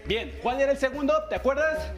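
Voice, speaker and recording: High-voiced Mexican aerobics instructor counting beats. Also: male voice, animated, fairly quick, lo-fi sound. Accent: Mexican Spanish. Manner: counts beats and cheers viewers on. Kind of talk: leading a televised dance workout. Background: workout music.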